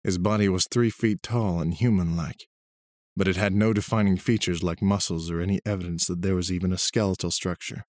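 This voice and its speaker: A man narrating a storybook in a steady, even reading voice. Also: sits low, no echo.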